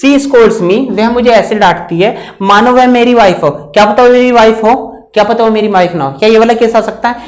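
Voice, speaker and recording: A male teacher explains grammar in a steady classroom lecture. He keeps asking rhetorical questions and answering them himself, and he drags out the English example sentences word by word. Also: high-pitched, normal speed.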